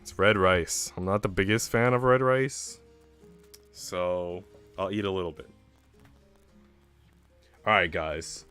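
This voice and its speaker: With a low, smooth, fairly bright voice, a young American man hosts a livestream from his home, talking slowly and pausing often. He banters casually with viewers using slang and plenty of swearing while music plays.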